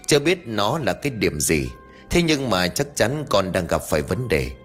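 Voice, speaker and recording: A grave village father who speaks heavily, then cries out for help, voiced by a male storyteller. The reading is animated, with faint music in the background. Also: lowish voice, normal speed. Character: serious worried village father, middle-aged.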